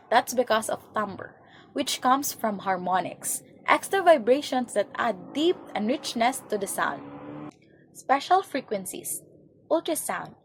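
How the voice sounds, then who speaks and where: Young-sounding woman presenter, animated reading, slightly high voice. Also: husky. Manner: reads points then explains them, occasional slips. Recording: faint background noise.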